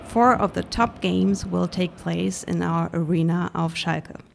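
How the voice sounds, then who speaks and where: A woman podcast host speaks English. Her voice sits a little low and has a marked creak, and she presents prepared material in a conversational way. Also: unhurried. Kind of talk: scripted conversational narration.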